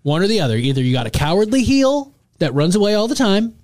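A man's voice: sits high, very animated, fast, darkish tone, no room sound, studio quality. A man on a wrestling panel chatting casually and argumentatively, making his case with rhetorical questions. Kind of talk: opinionated casual sports chat.

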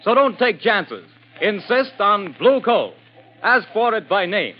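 A man's voice: high voice, big pitch swings, a little slow, husky. An American man announcing in a chipper, emphatic, formal salesman style, like an old-time radio advertisement. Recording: muffled vintage radio recording over music.

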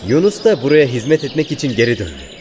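A man acting an animated, loyal dervish companion, radio play. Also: medium pitch, fast talker, background noise, lightly acted. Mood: earnest. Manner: earnest, deferential.

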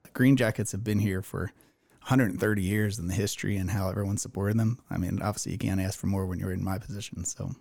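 Brief: quick, enthusiastic interview guest, man from Pennsylvania, lowish voice. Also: fairly even intonation, gravelly, darkish tone, no room sound. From Pennsylvania, USA. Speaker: guest, baseball team vice president. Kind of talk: casual interview chat.

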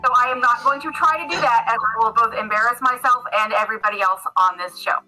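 A woman's voice: on the high side, fast, pushed and bright, soft background music, poor audio. A woman narrating a tabletop game as game master, casual, with lots of fillers. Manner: casual, many fillers and restarts.

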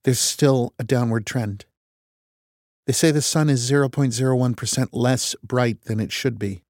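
A man voicing a glum, weary woman government scientist in her forties, in a flat, reluctant delivery. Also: medium pitch, normal speed, dry recording, studio quality, voice pushed up, close to an everyday voice. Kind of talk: audiobook character voice.

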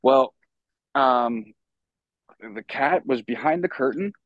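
A New York man, a stagehand and musician appearing as a podcast guest, tells stories in a loose, rambling way, full of fillers and casual swearing. His medium-pitched voice has lively intonation and a slow pace, with no room sound and dull audio.

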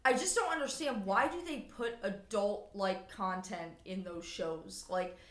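A woman's voice: medium pitch, a little slow, a bit bright. Casual woman co-host in echoey room. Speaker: podcast co-host. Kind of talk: casual chat.

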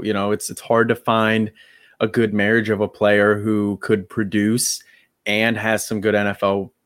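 Hesitant low-voiced man co-hosting. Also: dry recording, clean studio sound. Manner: hesitant, leans heavily on "you know" and "um". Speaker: podcast co-host. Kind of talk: casual sports analysis chat.

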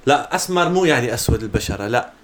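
A man's voice: medium pitch, lively intonation, very fast. A man with a Syrian Arabic accent chatting casually with friends as a podcast co-host.

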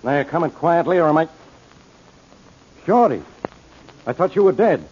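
Man playing exasperated police inspector, American, barking, raised pitch, demanding, vintage radio serial, muffled recording. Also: animated, moderate pace, a little hiss or hum, close to an everyday voice. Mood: baffled. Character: gruff, blustering, exasperated male police inspector. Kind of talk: 1940s radio acting.

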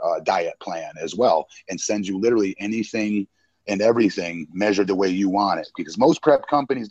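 A man's voice: fairly low pitch, darkish tone, no echo, dull audio. A man in his forties, a guest wrestler chatting on a podcast with brash, boastful banter. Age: 40s. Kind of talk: casual podcast chat.

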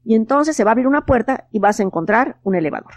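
A woman voicing a small mischievous male forest elf for a storybook, high and teasing. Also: expressive, fast, natural voice. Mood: explaining.

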